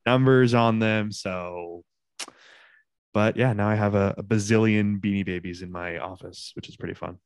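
A man's voice: on the low side, fairly even intonation, moderate pace, clean tone, no echo. A young man co-hosting a podcast, chatting in an informal, rambling way. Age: young adult. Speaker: podcast co-host. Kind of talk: casual podcast chat.

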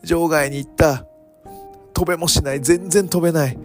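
A man hosting a solo podcast, talking in a casual, dramatic way that swings from loud alarm to hushed whispers. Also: a little high, fairly even intonation, normal speed, faint music behind. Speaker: podcast host reviewing wrestling shows. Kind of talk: casual monologue.

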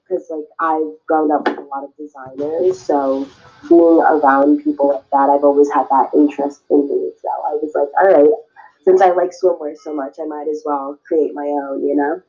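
Raised in Cameroon and California, a young woman who owns a swimwear business answers interview questions as a guest, rambling loosely and using many fillers. Her low, dark voice stays steady at a moderate pace, captured on a dull lo-fi recording.

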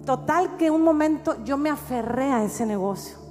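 A middle-aged woman pastor with a Mexican accent, telling a testimony in a sermon with animated storytelling that rises at times to shouts. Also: high voice, moderate pace. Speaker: pastor and prophet. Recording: reverberant hall with faint music.

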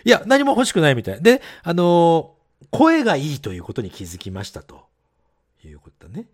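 Man co-host, casual podcast chat, very lively pitch, laughs a lot. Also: fairly quick. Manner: chatty, laughs often, explains English terms. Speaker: podcast co-host reading listener letters.

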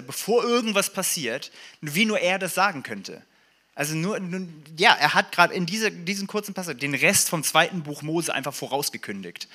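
A man with a bright, slightly high voice preaches a sermon at a church service. He talks in a loose, animated way, full of fillers and little jokes, and reads scripture passages aloud.

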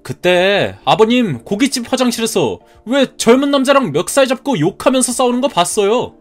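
A man's voice: very high-pitched, sing-song, moderate pace, faint music behind. A man voicing a polite but defiant groom. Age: 30s. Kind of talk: cartoon story dub.

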